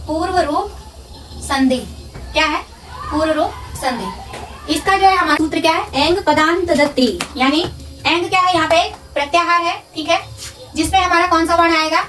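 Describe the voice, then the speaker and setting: A woman teaching a grammar lesson, asking questions and answering them herself, repeating terms slowly. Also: sits high, fairly bright tone. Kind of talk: classroom-style lesson. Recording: distant from the mic.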